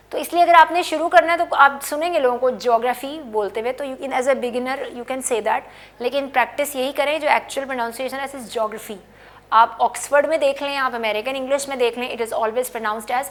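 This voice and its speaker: A middle-aged woman gives a spoken English lesson in a slightly high voice. She patiently repeats each word and explains it, with a steady stream of "okay". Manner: patient, explains words by writing and repeating them, with frequent "okay". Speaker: English pronunciation teacher.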